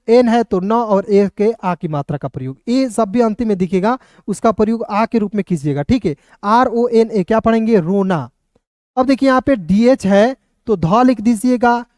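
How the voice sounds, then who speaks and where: High-voiced man teaching spelling. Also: darkish tone, no room sound, clean studio sound. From India. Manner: spells letters slowly, asks and answers his own questions. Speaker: English teacher. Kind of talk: online phonics lesson.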